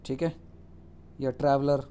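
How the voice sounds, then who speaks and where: Delivering a Hindi lecture about English spelling rules, this male teacher has a mellow, clear and resonant voice at medium pitch with a level tone. He reads the rules aloud slowly in English, explains them in Hindi, spells words out one letter at a time, and asks "ठीक है?" to check in.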